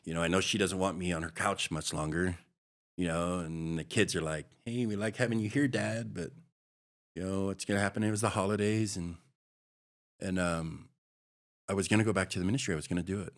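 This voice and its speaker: Here a middle-aged Hawaiian podcast guest speaks in a low register with fairly even intonation. He reflects on a personal experience, halting frequently and beginning his thoughts anew.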